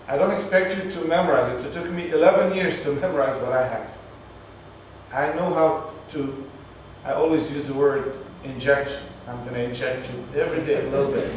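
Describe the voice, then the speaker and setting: A tour guide, chatting patiently to his group on a moving bus. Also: a little high. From Palestinian, from Jerusalem. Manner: chatty, explaining patiently with jokes. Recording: echoey distant voice, bus noise.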